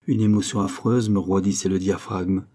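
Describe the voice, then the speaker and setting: Man, audiobook narrator, scripted reading, measured pace, dark mellow tone, husky. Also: low voice, steady tone. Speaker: audiobook reader.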